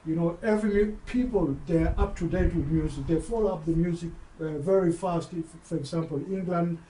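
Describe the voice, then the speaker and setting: A man's voice: a little high, brisk, dark tone. A man who works as a DJ, talking in a casual interview, hesitant and often repeating words while he thinks. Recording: roomy sound, voice far from the mic, faint background ambience.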